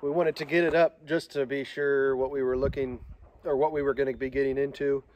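A man's voice: mid-range voice, a little fast. Easygoing man explaining a barn build outdoors. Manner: relaxed, thinking aloud with fillers. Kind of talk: casual vlog explanation.

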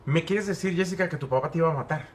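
A man's voice: a little high, racing, a little hiss or hum. A man hosting a TV interview show, introducing his guest theatrically and addressing her affectionately.

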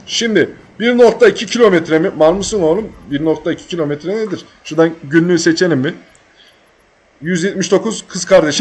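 A young man commentating a game he's playing, rowdy, swearing and yelling at the characters. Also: on the high side, slight background noise. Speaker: gaming channel host. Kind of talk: let's play commentary.

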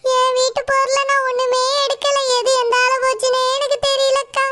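A woman's voice: very high voice, monotone, normal speed. A woman voicing a tearful, anxious village woman with a Tirunelveli Tamil accent. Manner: fretful, pleading. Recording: loud hiss behind voice.

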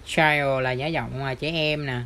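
Walking viewers through a device demo one step at a time, this Southern Vietnamese-accented audio shop presenter chats and points along the way. The voice has medium pitch, fairly even intonation, and an unhurried pace, bright and forceful in tone, with slight background noise.

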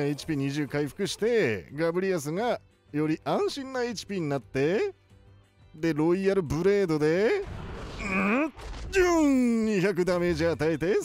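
A man voicing an excitable elderly cartoon professor, giving playful video game commentary with drawn-out words. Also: high voice. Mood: excited. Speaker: gaming video host.

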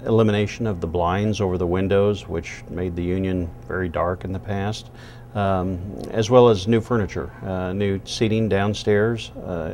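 A man's voice: deep voice, a little mellow, slight background noise. A man from a college's facilities side, explaining plainly and matter-of-factly on camera, with frequent uhs, in a large indoor hall. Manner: matter-of-fact, listing details with many uhs. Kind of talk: on-camera interview.

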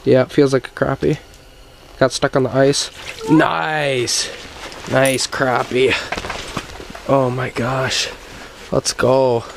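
A man's voice: mid-range voice, level tone, takes it slowly, creaky, long pauses, slight background noise. A young man hosting a casual fishing vlog, upbeat and coaching his cousin with short repeated cheers, recorded on an action camera inside a small ice shelter. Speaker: outdoors channel host.

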